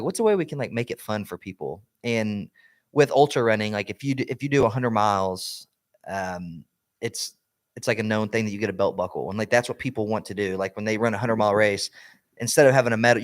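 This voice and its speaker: Rambling, low-voiced man chatting. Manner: rambling storyteller, many fillers and restarts. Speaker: podcast co-host. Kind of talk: casual chat.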